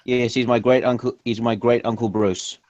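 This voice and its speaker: A man's voice: medium pitch, flat delivery, normal speed, darkish tone. A man with a broad New Zealand accent chatting casually on an internet group call. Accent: broad Kiwi New Zealand. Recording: slightly dull online call audio.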